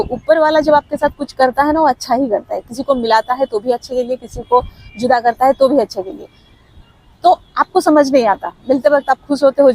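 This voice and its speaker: Woman, high voice, husky, motivational talk, coaxing and chatty, outdoors. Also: a little mellow, low-quality recording. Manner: conversational, coaxing, mixes English words into her talk. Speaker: motivational speaker. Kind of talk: casual motivational talk to camera.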